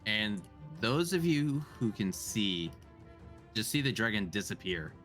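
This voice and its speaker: A man narrating a tabletop game as dungeon master, measured and hesitant, with fillers between phrases. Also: lowish voice, big pitch swings, a bit bright, soft background music.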